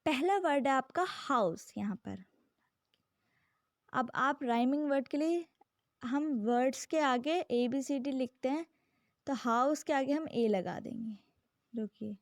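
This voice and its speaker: Brief: patient woman teacher, high voice, unhurried lesson delivery, dry close sound. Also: dry recording. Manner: slow, patient, repeats words and "ठीक है" often; reads English definitions very slowly. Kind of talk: classroom-style lesson explaining a poem.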